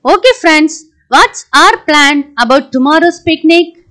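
A friendly schoolchild chatting with classmates, as a woman acts her out for a school puppet play. The voice is high and lively, and the lines come slowly. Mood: cheerful. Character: cheerful schoolchild Kavi, friendly. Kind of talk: school puppet show voice acting.

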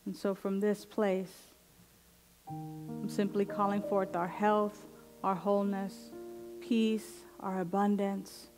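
Slow, even-toned woman leading prayer. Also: mid-range voice, soft background music. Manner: slow, deliberate, meditative phrasing with long pauses. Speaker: minister leading a meditation. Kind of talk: guided affirmative prayer. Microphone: headset microphone.

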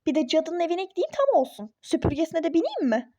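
A woman's voice: very high voice, very animated, a little fast, dark tone, no echo, clean studio sound. A woman voicing an irritable, skeptical young pregnant mother in a phone-game role-play story, snappish and sarcastic. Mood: exasperated.

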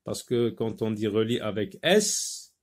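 A man teaching French phonics, repeating each word slowly with many hesitations. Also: lowish voice, expressive. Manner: slow, repeats words, many filler hesitations. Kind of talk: slow phonics lesson.

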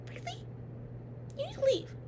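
A young adult woman plays a haughty, jealous teen vampire girl in a comedic roleplay, scolding bluntly and sarcastically with whispered asides, lightly acted at normal speed. She's recorded close up on a webcam in a dim bedroom, and the home audio is noisy.

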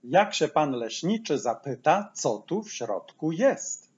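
A man gives a patient language lesson, lingering over each example and repeating it slowly. His pitch rises and falls in a lively way. The recording sounds dull and lo-fi. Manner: says each English phrase slowly twice, explaining patiently. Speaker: English teacher.

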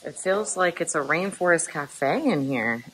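Low-voiced giggly woman exploring ruins. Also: expressive, unhurried, fairly bright tone, a little hiss or hum. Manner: chatty and giggly, laughs often. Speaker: urban explorer vlogger. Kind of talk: casual vlog narration. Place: abandoned hospital building. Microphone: handheld camera.

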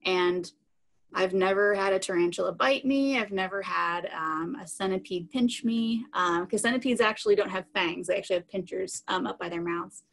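At a normal speed and medium pitch, this thirty-something woman teaches science by showing live animals and fielding audience questions in a relaxed live talk. She keeps her explanations simple and plain-spoken so children can understand. She's indoors in a small home room, using a video-call computer mic.

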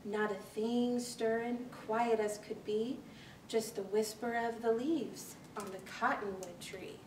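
In a small library's children's corner, a woman in her thirties, a librarian, performs a rhyming story from a picture book with animated, deliberate, rhythmic expression. Her pitch is fairly high. The recording comes from a camera several metres off, giving a distant, echoey sound with light hiss.

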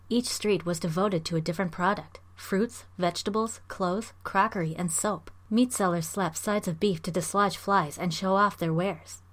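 A woman reviewing a novel and reading passages from it aloud in a measured, clear narration. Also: mid-range voice. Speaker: book reviewer and reader.

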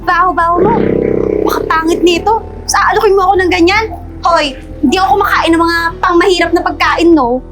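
A woman playing a shrill, spoiled rich girl. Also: fairly quick. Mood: disdainful. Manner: shrill, scornful, whining complaints. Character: spoiled rich young woman, snobbish and bratty. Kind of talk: low-budget web drama acting. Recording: echoey room with loud background music.

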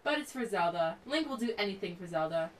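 A woman's voice: medium pitch, lively intonation, fast, distant mic, a little hiss or hum, rough recording. A young woman hosting a let's play, chatting through her gameplay in a bubbly, giggly way over game music. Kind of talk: casual gameplay commentary. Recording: game music loud behind voice.

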